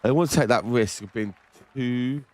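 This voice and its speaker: A man's voice: mid-range voice, normal speed, darkish tone. A man playing a video game, chatting casually and muttering commentary on his own play. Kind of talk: casual gameplay chat.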